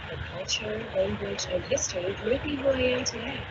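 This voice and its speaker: A woman giving a voice-over translation of a deaf signer, speaking calmly in the first person. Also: medium pitch, moderate pace. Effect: voice-over interpreting a signer. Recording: dull, lo-fi with loud background noise.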